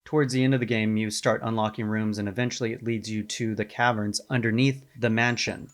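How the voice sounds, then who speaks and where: Male host, lower register, relaxed video-essay delivery with chatty asides. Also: a little fast. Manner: conversational, explains step by step with asides. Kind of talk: casual video essay narration.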